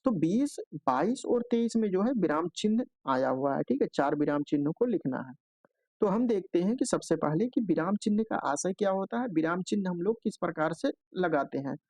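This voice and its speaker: Male tutor, gravelly and a bit high, methodical exam-prep lecture, dry close mic. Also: lively intonation, brisk, darkish tone, no room sound. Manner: explanatory, repeats filler "jo hai" often; checks in with "theek hai" between points. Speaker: teacher.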